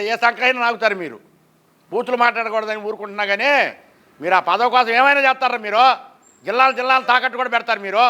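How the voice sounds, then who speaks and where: A man's voice: very high voice, bright, forceful tone. A man, a farmer ranting angrily to a street camera, scolding with insults and rhetorical questions. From Andhra Pradesh, India. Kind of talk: angry public-opinion rant to camera.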